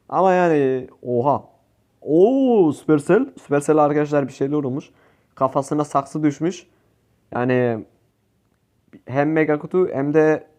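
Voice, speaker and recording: A young man giving casual gameplay commentary, excitable and swearing at his teammates. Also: mid-range voice. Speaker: gaming youtuber.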